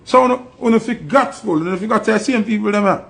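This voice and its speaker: Gravelly, high-voiced Jamaican man ranting. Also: moderate pace, a bit bright. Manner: preachy, confrontational, repeats rhetorical questions. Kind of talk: ranting monologue.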